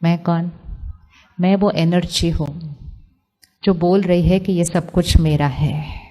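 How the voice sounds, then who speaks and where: A woman's voice: lowish voice, fairly even intonation, slow, warm tone. An Indian woman giving a spiritual talk to a live audience, asking them questions and mixing English phrases into her speech. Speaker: spiritual speaker.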